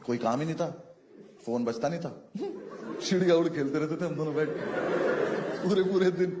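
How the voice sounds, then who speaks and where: A man's voice: on the high side, fairly quick. Stand-up comic man with noisy live sound. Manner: storytelling, acts out dialogue, talks to the crowd. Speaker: stand-up comedian. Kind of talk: stand-up comedy set. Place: comedy club stage.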